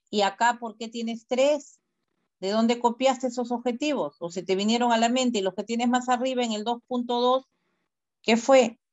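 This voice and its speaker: The dull lo-fi audio comes from a video call in which a woman teacher offers online class feedback. Her voice is a little high and a little mellow, and she's direct and corrective, explaining the steps students should take with their work.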